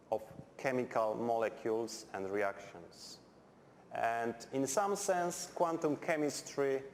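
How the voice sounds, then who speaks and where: Blunt and dryly humorous, a middle-aged Polish lecturer speaks non-native, Polish-accented English during a university chemistry class in a lecture hall. His mid-range voice is a little mellow, and the recording has echo and faint background noise.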